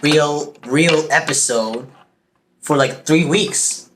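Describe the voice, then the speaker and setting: A man's voice: fairly high pitch, slow pace, noisy background. Stammering teenage boy podcast host. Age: teens. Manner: rambling, stammering repeats. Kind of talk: casual chat.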